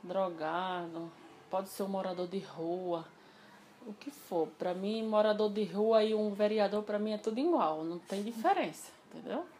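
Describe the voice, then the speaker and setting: A woman telling a personal story in a casual interview, animated and acting out the dialogue she quotes. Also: mid-range voice, normal speed, slight background noise.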